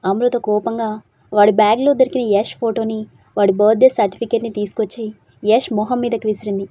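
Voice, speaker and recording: Female storyteller, highish voice, dry close sound, steady expressive reading. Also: a little fast, no echo.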